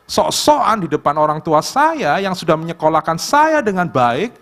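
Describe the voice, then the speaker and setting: A man's voice: a little high, moderate pace. A man with an East Javanese accent, giving a conversational youth sermon in a church and acting out little dialogues. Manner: animated, conversational, acts out dialogues. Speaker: pastor.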